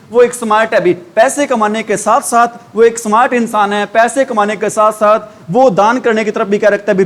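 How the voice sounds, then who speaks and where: A very high-pitched man with a Haryanvi Hindi accent teaches English idioms to a class. He keeps posing quick questions and then answers them himself, his voice dropping lower for each answer. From India.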